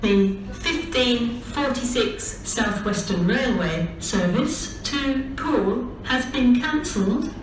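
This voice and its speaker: A woman's voice: a little high, expressive, distant mic. Echoey British female train station announcer. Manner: formal, measured, listing stops one by one. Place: large railway station, over public address. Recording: echoey, noisy station tannoy heard from afar. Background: station ambience noise.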